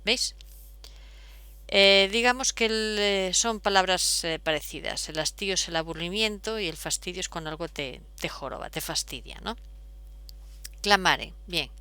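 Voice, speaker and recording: A woman's voice: fairly low pitch, normal speed, pushed and bright, smooth, no room sound. A woman, explaining step by step as a teacher, patient, with frequent fillers. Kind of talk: explaining at a whiteboard.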